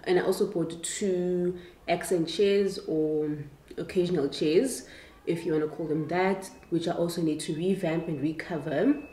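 Speaking a little slowly in a fairly low, mellow voice with a steady tone, a young adult South African lifestyle vlogger chats casually to the camera. She is at home in her kitchen and bedroom, where the audio picks up roomy echo and clear background noise.

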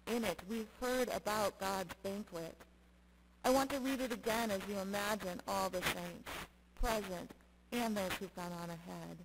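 A medium-pitched middle-aged woman, a Lutheran pastor, preaches a sermon with scripture in measured, emphatic bursts of short phrases. She stands at the sanctuary pulpit using a gooseneck microphone, and the recording has clear church noise.

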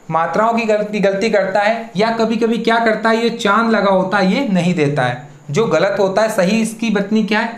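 A teacher runs an exam-prep spelling lesson at a middle pitch. The teacher poses questions and answers each one, breaking words into syllables. The voice rings in a roomy, echoing space. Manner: rhetorical questions, then the answer. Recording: echoey room.

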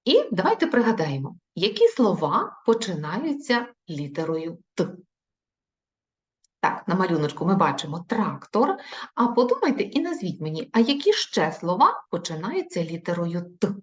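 A woman teaching young children in a recorded video lesson, speaking slowly in an encouraging, sing-song way. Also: fairly low pitch, very animated. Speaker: primary school teacher. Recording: dull lo-fi recording.

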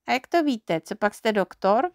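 Storybook girl, fussy and teasing, high and a little gravelly; a woman reader puts her on. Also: big pitch swings, no room sound, clean studio sound. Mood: teasing, chiding. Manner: chiding, quick to scold and tease.

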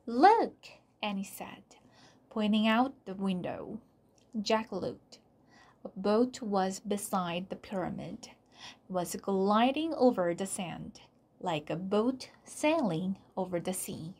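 Slow, gentle Korean woman reading a storybook. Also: medium pitch. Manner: soft, deliberate storytelling. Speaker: storybook reader. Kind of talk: reading a children's chapter book aloud.

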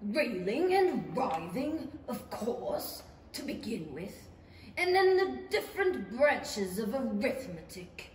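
A mournful, easily offended turtle acted by a woman, ponderously slow yet swooping in pitch. The radio-play delivery is doleful and echoes through a hall. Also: big pitch swings, a little hiss or hum. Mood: wistful, pompous. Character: mournful, touchy old-fashioned Mock Turtle creature. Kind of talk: 1930s-style stage radio play acting. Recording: echoey hall, distant mic.

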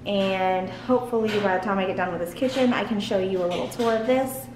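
A tired young woman vlogs casually from her home kitchen, chatting and rambling into a phone held close, with lots of ums and likes. Her medium-pitched voice is a little fast, and the background is noisy.

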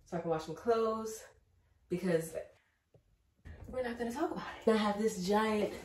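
A home and cleaning vlogger in her twenties with an American accent chats informally to camera in slangy language while doing chores in rooms of her house, including the bedroom and basement. The camera or phone sits at a distance, so the sound is roomy with home echo, and music plays in the background. Her voice is medium-pitched and darkish, at normal speed.

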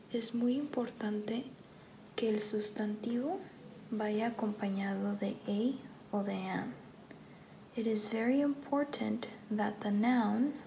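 Slow, gravelly-voiced woman teaching English. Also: mid-range voice, a little hiss or hum, poor audio. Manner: says each sentence in Spanish, then repeats it in English; slow, careful, soft-spoken delivery. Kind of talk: bilingual grammar lesson.

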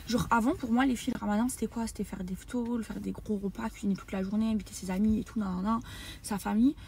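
A woman's voice: medium pitch, steady tone, quick pace, darkish tone, a little hiss or hum. A young woman chatting enthusiastically to her followers in a casual vlog. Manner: chatty, enthusiastic, addresses viewers as girls. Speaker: vlogger.

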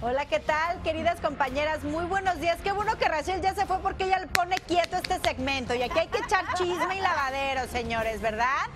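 A woman's voice: very high voice, a little fast, hardly any pauses, over music. A middle-aged woman with a Mexican accent, giving a live entertainment report from a TV studio. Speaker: entertainment correspondent.

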